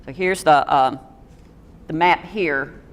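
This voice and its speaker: A woman with a drawl reads a local history talk aloud to a roomful of listeners, working through names and dates at an even clip with the odd stumble and a dry aside. Her voice sits a little low. The sound carries a long, echoing reverb from the hall. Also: takes it slowly. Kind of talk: public history talk reading from notes. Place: meeting room with a live audience.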